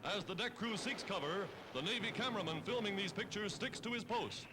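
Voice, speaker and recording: A man's voice: high-pitched, expressive, a little fast, noisy background. A man narrating a 1940s newsreel in a dramatic, punchy announcing manner, on an old newsreel recording. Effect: old newsreel recording with music. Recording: old newsreel soundtrack with music under.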